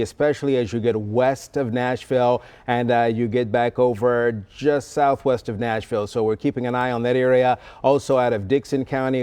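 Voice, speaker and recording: Measured man covering severe weather live. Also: medium pitch, a little mellow, clean tone. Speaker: TV weather anchor.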